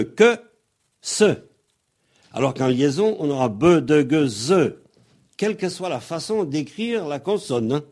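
A man on the radio patiently explaining pronunciation like a teacher, spelling out letters and pausing on fillers. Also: mid-range voice, a little mellow, slightly rough. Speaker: guest explaining Breton pronunciation.

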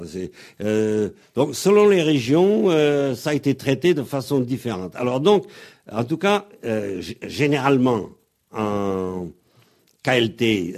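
A man on the radio patiently explaining pronunciation like a teacher, spelling out letters and pausing on fillers. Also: medium pitch, creaky, darkish tone. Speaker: guest explaining Breton pronunciation.

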